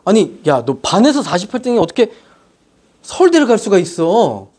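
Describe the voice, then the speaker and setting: A woman acting out a blunt high school teacher, speaking lower and firmly. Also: big pitch swings, moderate pace, dark tone, slightly rough. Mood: stern.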